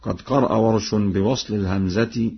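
Husky-voiced man explaining Quran readings. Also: fairly low pitch, fairly even intonation, dull audio. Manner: measured explanation broken by slow melodic chanting of verses. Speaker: Quran recitation teacher. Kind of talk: explaining Quran reading variants with chanted examples.

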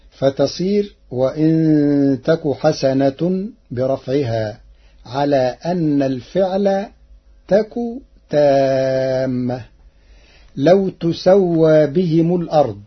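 A man teaching Quran recitation variants in a measured way, quoting each verse and then explaining it. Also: on the high side, slightly rough. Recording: dull lo-fi recording.

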